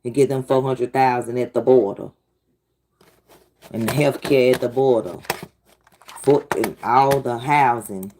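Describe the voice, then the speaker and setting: Woman, livestream host, sassy, talks back to chat, very low voice. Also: unhurried, long pauses, background noise. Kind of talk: casual livestream commentary.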